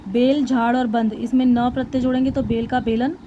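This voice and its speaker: A woman with a fairly high but mellow voice teaches a grammar lesson, patiently going through each example one by one. The audio is slightly dull and lo-fi, with a faint hiss underneath. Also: level tone, brisk. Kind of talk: explaining lesson to students.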